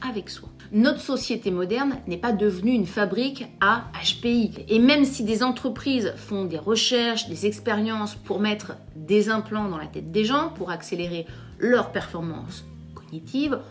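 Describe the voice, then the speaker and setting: A woman's voice: mid-range voice, expressive, unhurried, faint music behind. A middle-aged French woman, a psychotherapist, hosting an emphatic direct-to-camera explainer and addressing viewers directly. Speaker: psychotherapist and YouTube host.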